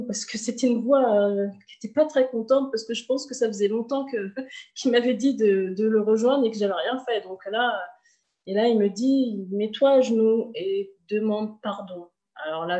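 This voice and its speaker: A woman telling her personal faith testimony in a halting, emotional way, full of restarts. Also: mid-range voice, mellow. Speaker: testimony speaker.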